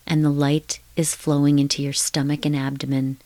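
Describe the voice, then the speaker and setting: A woman leading a guided hypnotic relaxation in a slow, soothing, hushed countdown manner with repetitive, lulling phrasing. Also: deep voice, flat delivery, no room sound.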